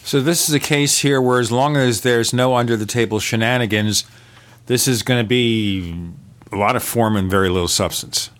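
A man's voice: mid-range voice, normal speed, fairly bright tone. A man hosting a podcast, chatting casually and asking his guest questions. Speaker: podcast host. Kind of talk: casual interview chat.

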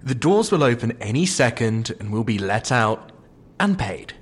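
A sarcastic British captive. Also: male voice, medium pitch, big pitch swings, normal speed, slightly rough. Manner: sarcastic, dismissive and drawling. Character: lazy sarcastic British man held captive. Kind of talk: audio drama acting.

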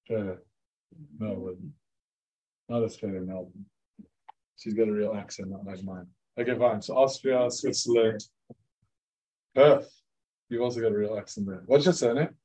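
The audio is poor, and a man with a lowish, dark, slightly rough voice speaks at normal speed with fairly even intonation and long pauses. He's a rabbi giving a casual lecture to students in the room, peppering his talk with "like" and asking them questions throughout.

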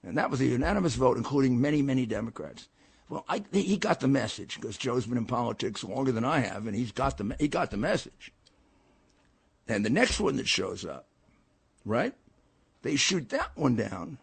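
A man's voice: medium pitch, animated, moderate pace, vocal fry, breathy edge, no room sound. An older man hosting a political talk show, giving a blunt, combative commentary monologue with frequent stammered restarts.

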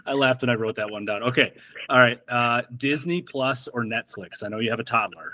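A man's voice: medium pitch, normal speed, pushed and bright, rough recording. A man co-hosting a podcast, asking questions in a playful, joking way. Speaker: podcast co-host. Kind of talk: casual interview chat.

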